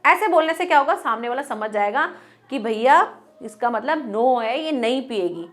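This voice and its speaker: A woman teacher with a high, light voice talks students through a lesson. She mixes English terms into her explanation, poses rhetorical questions, and acts out little bits of dialogue to make her points. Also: animated, normal speed. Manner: explains in Hindi mixed with English words, asking herself rhetorical questions.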